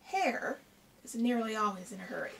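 Her voice fairly high and creaky, a middle-aged woman reads a picture book aloud at a moderate pace, expressively questioning the children as a primary teacher would. She's in a small indoor room with shelves, and the camera mic a short way off catches faint background noise.

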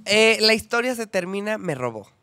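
A man's voice: high voice, sing-song, moderate pace, bright, forceful tone, dry recording. A young man with a Mexican accent, a podcast guest telling his story in a playful, camp, dramatic way. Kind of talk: casual storytelling chat.

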